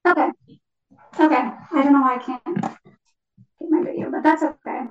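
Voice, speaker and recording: A woman's voice: high voice, normal speed, slight background noise. A woman poet chatting casually before her reading, with a chatty, informal manner. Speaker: open mic poet. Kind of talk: casual chat on an online call. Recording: distant echoey lo-fi online call.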